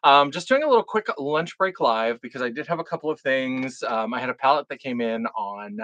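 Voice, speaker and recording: Here the North Dakota drag performer sounds expressive and a little fast, his mid-range voice fairly bright yet froggy and phlegmy. He's chatty on his casual live unboxing stream, swearing now and then and greeting viewers, in a dry recording with the highs cut off.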